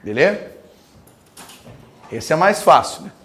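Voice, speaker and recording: A male grammar teacher lecturing to his class with a slightly raised pitch. He speaks emphatically, often stretching single words out slowly so students can copy them down. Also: sing-song, fairly bright tone. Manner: emphatic, dictates terms slowly word by word.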